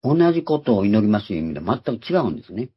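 A man preaches a Bible lesson in a husky, breathy voice that sits fairly low. His pitch swings widely as he stresses and repeats the key words. The recording sounds dull and lo-fi. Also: very animated, quick pace. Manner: explains term by term, repeating key words for emphasis. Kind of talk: Bible teaching sermon.

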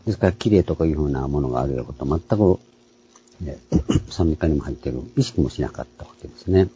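A man giving an online Bible lecture, explaining at an unhurried pace and clearing his throat often. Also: very deep voice, animated, mellow, dull audio, a little hiss or hum. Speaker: Bible teacher.

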